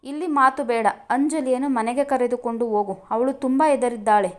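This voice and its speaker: A woman voicing a calm, teasing young village woman in a storybook reading. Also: on the high side, moderate pace, natural voice. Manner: coaxing, playful.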